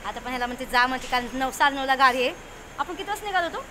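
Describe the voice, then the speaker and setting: Chatty high-voiced woman vlogging on the road. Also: animated, racing. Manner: chatty, talks to viewers and the friend filming. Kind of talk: casual travel vlog. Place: in a car, then at a bus depot. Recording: noisy phone video from a car and a depot. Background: traffic and street noise.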